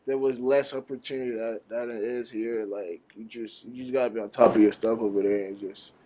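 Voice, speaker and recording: A young man from Nigeria, a college basketball player, chatting casually as an interview guest, laid-back and halting, with many fillers. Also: medium pitch, steady tone, warm tone. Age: young adult.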